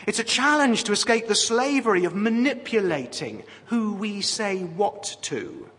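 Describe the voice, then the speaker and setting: A man preaching a sermon with lively, animated delivery and wry asides. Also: high-pitched, measured pace, husky. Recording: long reverb of a hall.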